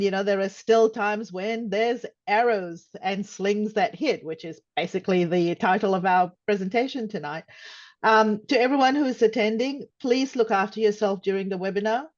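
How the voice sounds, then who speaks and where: Older woman hosting a webinar, dull audio. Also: medium pitch. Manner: warm, careful, frequent um fillers. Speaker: webinar co-presenter. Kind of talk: webinar presentation. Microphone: video call.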